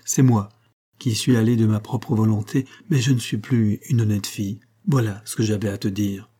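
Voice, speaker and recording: A man's voice: on the low side, steady tone, normal speed, dark tone, breathy edge. A man reading aloud voices a young country woman confessing, vehement and pleading.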